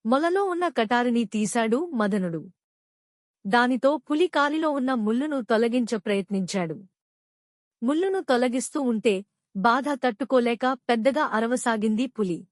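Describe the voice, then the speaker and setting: A woman narrating a children's folk tale in a calm, even storytelling manner. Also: a little high, normal speed, no echo, studio quality.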